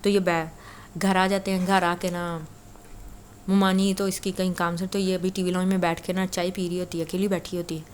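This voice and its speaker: Low flat-voiced woman storyteller. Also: slight background noise. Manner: chatty, conversational, frequent filler "na". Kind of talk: casual spoken story retelling.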